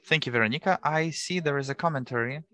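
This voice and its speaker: A man giving live simultaneous interpretation of a panel speaker, measured and rephrasing as he goes. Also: fairly high pitch, bright, forceful tone.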